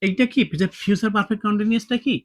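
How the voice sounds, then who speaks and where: A man's voice: high voice, steady tone, rapid-fire. A man teaching English grammar, asking his students questions and repeating each point. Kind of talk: classroom-style grammar lesson.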